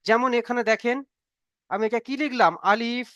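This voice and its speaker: A man's voice: extremely high pitch, fairly even intonation, normal speed, a bit bright, dry recording, muffled recording. A man teaching an online Arabic reading lesson as a Quran teacher. He speaks patiently, repeats each point and keeps asking if the class has understood. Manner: patient and repetitive, checks understanding with frequent questions.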